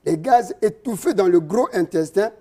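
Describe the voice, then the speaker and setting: A man, a traditional healer interviewed as a guest, explaining slowly and step by step with hesitations. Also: high voice, expressive, dark tone. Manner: slow, didactic, explaining step by step with many hesitations.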